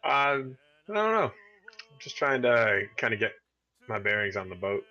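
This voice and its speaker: A man's voice: medium pitch, sing-song, a little slow, sharp tone, no echo, highs cut off. A man chatting casually as a player in a tabletop role-play game.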